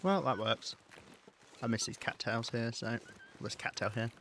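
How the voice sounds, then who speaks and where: Man, southern English accent, live game stream commentary, chatty, wry, average pitch. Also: unhurried, noisy background. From south of England. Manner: chatty and wry, swears, laughs often. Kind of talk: casual live gameplay commentary.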